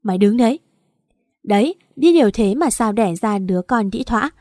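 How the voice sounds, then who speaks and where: A woman voicing a jealous young wife who hurls crude insults, in a mellow voice on a dry recording. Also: on the high side, animated, normal speed, dry recording, natural voice. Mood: abusive. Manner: abusive, insulting.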